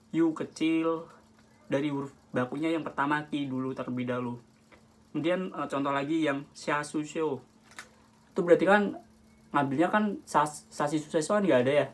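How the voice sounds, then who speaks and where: A man giving a casual, rambling Japanese script lesson, with many restarts and self-corrections. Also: fairly high pitch. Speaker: Japanese language tutor. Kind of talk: casual home-made lesson.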